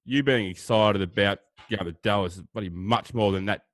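A man's voice: fairly low pitch, fairly quick, no echo. A man with an Australian accent co-hosting a podcast in casual, joking banter, full of fillers and "mate". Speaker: podcast co-host.

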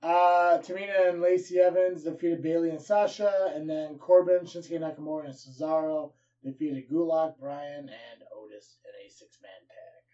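A man's voice: fairly high pitch, moderate pace, few pauses. Casual man recapping wrestling, distant muffled mic. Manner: energetic, swears casually, rattles off results. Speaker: podcast co-host.

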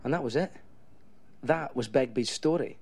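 A man's voice: medium pitch, normal speed, natural voice. An actor playing a cynical young Scottish man who narrates a film in voice-over with dry, sardonic wit. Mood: wry. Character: wry, cynical young narrator among his mates. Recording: clear background noise.

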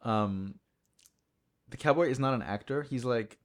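A man's voice: medium pitch, unhurried. A man co-hosting a podcast, explaining at length in a chatty, casual way. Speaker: podcast co-host. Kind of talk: casual film discussion.

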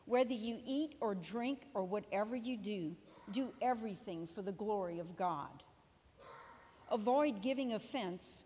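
A woman reading scripture as a lector in a church, formal and measured. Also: mid-range voice, a little mellow. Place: large church, over a PA. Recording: long cathedral-like church echo.

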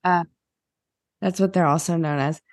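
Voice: medium pitch, steady tone, moderate pace, dry recording, studio quality. A podcast co-host in casual chat, rambling and meandering, with frequent swearing.

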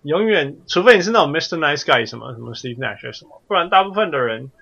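A man's voice: fairly high pitch, expressive, quick pace, creaky, fairly bright tone, husky, muffled recording. A man chatting casually about sports as a co-host, often slipping into English. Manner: code-switches between Mandarin and English.

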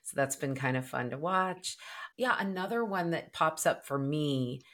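Very low-voiced woman podcast co-host. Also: normal speed, a bit bright. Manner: reflective, many "like" fillers. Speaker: podcast co-host, dating coach. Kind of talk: casual podcast chat.

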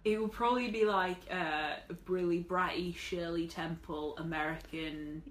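A young woman co-hosting a casual chat, dry and teasing, quick to laugh. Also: fairly low pitch, steady tone. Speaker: podcast co-host. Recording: roomy, echoey sound.

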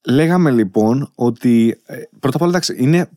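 A man's voice: medium pitch, animated, warm tone, no echo, clean studio sound. A man hosting a casual interview, talking in loose, rambling sentences. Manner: rambling, many fillers and restarts. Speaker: podcast host.

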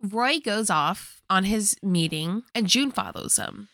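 A woman's voice: medium pitch, expressive, slow pace, a bit bright, no room sound, clean studio sound. A woman co-hosting a casual movie recap podcast, making wry joking asides about the plot. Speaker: podcast co-host.

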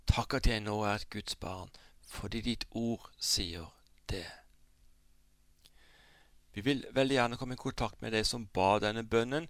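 Radio preacher, male, gravelly earnest voice, dry close studio sound, pleading prayers. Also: mid-range voice, a bit bright, dry recording.

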